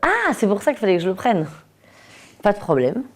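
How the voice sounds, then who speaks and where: A woman's voice: mid-range voice, very animated, a little fast. A woman listing her handbag items in a matter-of-fact way. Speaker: interviewee. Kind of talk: casual talk while emptying her handbag.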